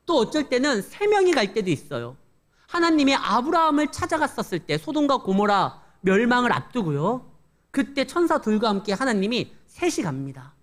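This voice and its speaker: A male pastor giving a conversational sermon with storytelling and humorous asides. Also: high voice.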